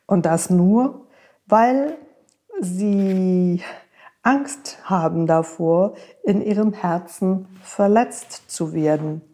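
A wise, caring horse speaks in a low, mellow, tender voice, as a woman narrator puts him on. The tone is patient and reassuring, unhurried and very slow, like a big friend comforting a child in a bedtime storybook. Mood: gentle, reassuring.

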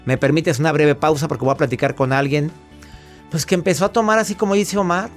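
A man hosting a talk show, brisk and asking leading questions. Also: a little high, faint music behind.

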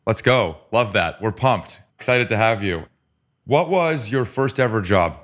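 Man, podcast host, low voice, upbeat, joking, casual interview. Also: animated, a bit bright. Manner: upbeat, joking, reads guest background briskly.

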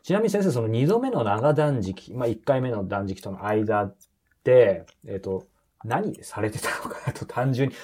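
A man interviewing a guest in casual talk, asking quick questions and answering with frequent short replies. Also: medium pitch, animated, darkish tone, slightly rough. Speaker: podcast interviewer.

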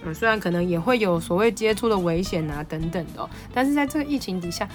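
A woman with a Taiwanese Mandarin accent hosting a podcast, telling a story in an animated, excitable way. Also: lowish voice, fast, faint music behind. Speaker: podcast host. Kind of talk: casual storytelling monologue.

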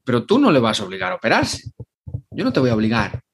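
A man's voice: medium pitch, wildly swooping pitch, slightly rough. A man, a guest in a podcast interview, explaining sales with emphatic, acted-out asides. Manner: emphatic, acts out clients and doctors in quick asides. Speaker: guest, sales and LinkedIn growth expert. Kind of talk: animated podcast interview answer.

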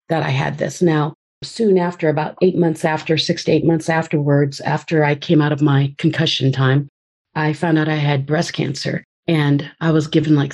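A woman with a low, slightly mellow voice appears as a podcast guest. She earnestly and reflectively tells her personal story, acting out her inner voices as she goes.

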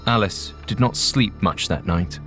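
Low-voiced man narrating a ghost story slowly. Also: a bit bright. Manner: measured and suspenseful. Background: faint music.

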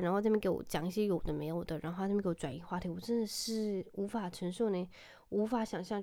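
A woman's voice: medium pitch, a little mellow. A woman in her thirties hosting a podcast in Taiwanese Mandarin, chatty and self-deprecating, dropping in English phrases. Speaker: podcast host. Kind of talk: casual monologue.

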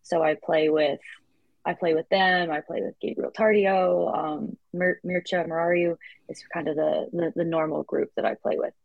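A woman in her twenties chats as an interview guest, her voice sitting a little low. She talks freely, restarting sentences and adding fillers as she goes. The sound is close and dry, with no room around it. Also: steady tone, moderate pace, vocal fry, no echo, muffled recording. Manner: chatty, with frequent restarts and fillers. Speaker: guest athlete. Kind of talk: casual interview chat.

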